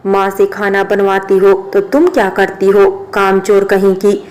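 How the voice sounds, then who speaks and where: A woman voicing a brash young man who drinks, speaking in a flat, sarcastic, bantering way. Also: mid-range voice, unhurried, lightly acted. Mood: teasing.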